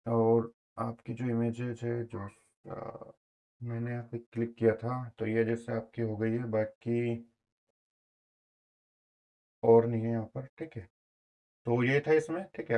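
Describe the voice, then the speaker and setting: A hoarse man giving a casual screen-share web design tutorial, rambling with lots of fillers and frequent "okay?" check-ins. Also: mid-range voice, darkish tone, rough recording.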